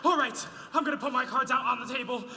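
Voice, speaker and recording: A man's voice: very high voice, fast, very noisy. A man playing a flustered young groom in a stage musical, with a brash, exclaiming comic manner. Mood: panicky. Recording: echoey hall with music, from afar.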